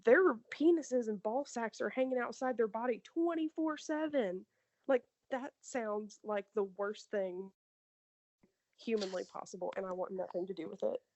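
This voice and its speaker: Young woman podcaster, crude animated stories, mellow tone. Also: fairly high pitch, normal speed. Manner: crude, animated storytelling with many likes. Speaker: podcast co-host. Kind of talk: casual chat.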